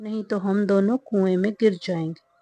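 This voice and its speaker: A woman voicing a crafty, greedy village priest who speaks softly while bargaining. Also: mid-range voice, fairly even intonation, moderate pace, no room sound, highs cut off, natural voice.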